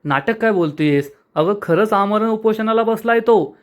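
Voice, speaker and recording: A man voices an indulgent mother who coaxes and soothes. The voice sits higher than his usual reading. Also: lively intonation, moderate pace. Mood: coaxing. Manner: coaxing.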